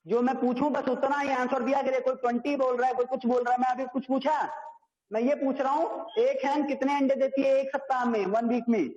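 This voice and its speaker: A man's voice: very high-pitched, steady tone, brisk, a little mellow. A man with an Indian accent teaching a maths class online, strict and repeating his phrases. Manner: strict, repeats phrases, mixes Hindi and English. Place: classroom or home at a board. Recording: echoey, dull lo-fi online class audio.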